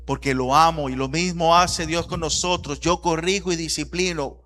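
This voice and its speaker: A man in his thirties, a pastor, preaching a sermon that moves from quiet reflection to loud, rising repetition. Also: a little high, steady tone, normal speed.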